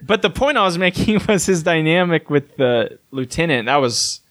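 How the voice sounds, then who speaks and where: A man's voice: on the high side, expressive, moderate pace, fairly bright tone. A man co-hosting a casual podcast chat, pressing his point and steering the talk with questions. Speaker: podcast co-host.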